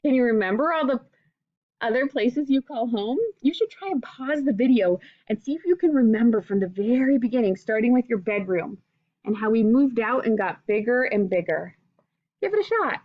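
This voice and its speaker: A woman with a fairly high voice reads a children's book aloud at a normal pace, full of expression, stopping now and then for simple teacher-style explanations aimed at young kids. The recording is muffled but has no echo.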